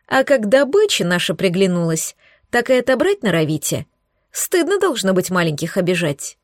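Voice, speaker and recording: A woman's voice: medium pitch, big pitch swings, moderate pace, dry recording, studio quality, natural voice. A woman voicing a tiny tentacled sea creature that haggles in a whiny, indignant way. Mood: aggrieved. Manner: whiny, bargaining.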